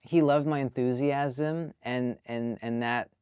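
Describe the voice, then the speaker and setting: A man from Canada, a filmmaker telling his story in a relaxed, chatty interview. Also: mid-range voice, slow pace, clean tone, dry recording. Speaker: guest filmmaker. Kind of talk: casual interview.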